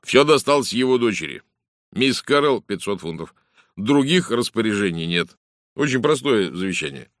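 Man doing a blunt police inspector, brisk, matter-of-fact, audiobook voice, deep, dry close recording. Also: very animated, no room sound. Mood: chatty. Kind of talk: audiobook character voice.

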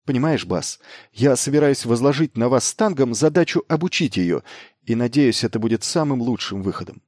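A man reading an audiobook voices a young male mercenary lord who talks briskly, commanding and ironic. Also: medium pitch, expressive, a little mellow, no echo, studio quality, close to an everyday voice. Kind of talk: audiobook character voice.

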